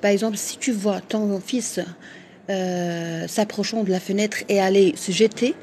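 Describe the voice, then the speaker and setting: A woman's voice: mid-range voice, steady tone, measured pace, darkish tone, slight background noise. A woman doctor from Morocco hosting a live stream, answering viewers' comments frankly, with frequent fillers and restarts.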